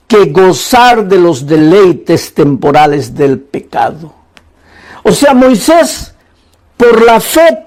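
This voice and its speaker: Male pastor, high voice, guatemalan spanish accent, fervent evangelistic preaching, repetitive cadence. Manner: fervent preaching with repeated phrases, dropping low and soft to tell a story. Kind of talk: evangelistic sermon.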